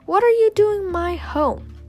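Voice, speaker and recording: A woman voicing a pompous, mocking male castle owner in a read-aloud story, loud and scolding. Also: extremely high pitch, normal speed, pitched above the performer's own voice.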